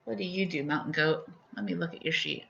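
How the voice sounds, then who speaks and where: Bright-voiced woman running a game. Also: deep voice, gravelly, slight background noise. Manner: casual, hesitant with fillers, quick laughs. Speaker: game master. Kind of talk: narrating a tabletop game. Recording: dull lo-fi sound.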